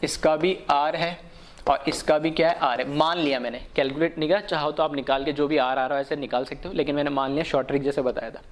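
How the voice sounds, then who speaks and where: A man teaching a chemistry lesson, asking questions and answering them himself, and dictating definitions slowly. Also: a little high, steady tone. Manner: slow, dictated English definitions. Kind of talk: online lecture.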